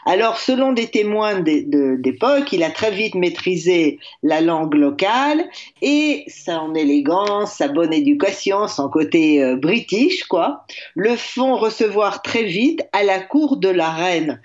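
A woman columnist telling a lively history chronicle on the radio, with frequent hesitations. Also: lowish voice, measured pace, dull audio. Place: remote line from abroad.

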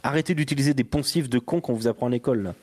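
A man's voice: medium pitch, rapid-fire, darkish tone. A man hosting a casual sports chat, ranting heatedly and swearing. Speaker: podcast host.

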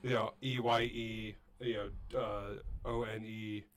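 A man's voice: fairly low pitch, level tone, slow. A man co-hosting a podcast, explaining music casually in an enthusiastic, rambling way. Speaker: podcast co-host.

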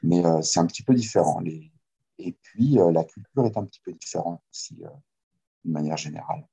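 Over muffled video call audio, the French kayak coach talks briskly yet hesitantly, filling gaps often during the relaxed interview. His low, warm, husky voice shows vocal fry, and his French accent has a faint Quebec tinge.

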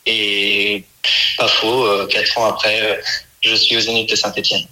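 A young man in his twenties talks as a comedian guest on a radio show. His voice is low-pitched yet very bright and forceful. He rambles in a relaxed, chatty way, full of fillers. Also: a little slow, poor audio. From France. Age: 20s. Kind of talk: casual radio interview.

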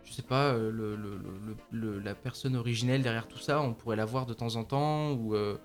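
A man's voice: mid-range voice, steady tone, brisk, soft background music. A man co-hosting a casual film podcast, talking with many fillers and restarts and laughing often. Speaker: podcast co-host.

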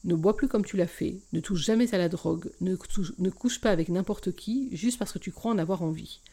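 A woman's voice: fairly low pitch, a little fast, warm tone, slightly rough. A woman reading a romance aloud, voicing a blunt, protective older sister who gives orders. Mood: stern. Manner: blunt, commanding. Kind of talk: audiobook reading.

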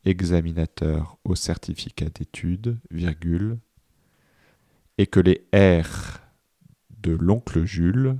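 A man reading a dictation aloud, deliberately repeating each phrase and speaking the punctuation marks. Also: low voice, mellow, dry recording, studio quality. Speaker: dictation reader.

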